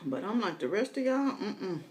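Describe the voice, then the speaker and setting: A woman's voice: mid-range voice, very animated, moderate pace, darkish tone, slight background noise, low-quality recording. A middle-aged woman eating as she talks, telling candid, colloquial stories in a casual mukbang chat. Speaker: mukbang vlogger.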